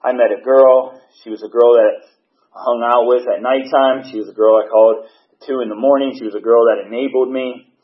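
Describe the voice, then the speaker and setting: A man's voice: mid-range voice, fairly even intonation, a little fast. A man giving a candid personal testimony from a podium at a recovery meeting, telling his story plainly. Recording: dull, muffled recording.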